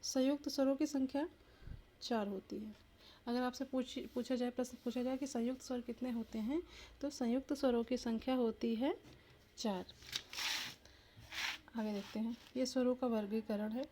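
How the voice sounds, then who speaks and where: A woman's voice: a little high, steady tone, normal speed, long pauses, mellow. A woman teacher giving an exam-prep lesson, asking the viewer questions and sounding out each letter aloud.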